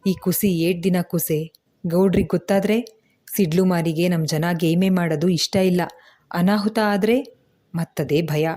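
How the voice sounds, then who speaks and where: A woman reading as a weary, protective rural mother who frets aloud. Her talk is rustic village dialect with an anxious pull, set over a mellow reading voice. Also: lowish voice, fairly even intonation, a little slow.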